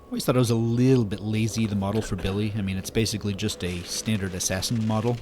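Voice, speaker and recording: A man's voice: fairly low pitch, fairly even intonation, fast talker, background noise. A man hosting a let's play, giving casual, rambling lore commentary full of fillers. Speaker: gamer host.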